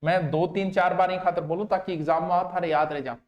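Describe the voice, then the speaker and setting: A man teaching an exam coaching lecture, speaking emphatically and repeating key terms slowly for students to write down. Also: sits high, fairly even intonation, muffled recording. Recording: roomy echo.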